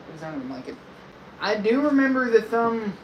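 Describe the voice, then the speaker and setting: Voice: medium pitch, big pitch swings, a little fast, highs cut off. An easygoing streamer chatting in a dry, matter-of-fact way while playing a game. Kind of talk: casual banter. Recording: noisy stream audio.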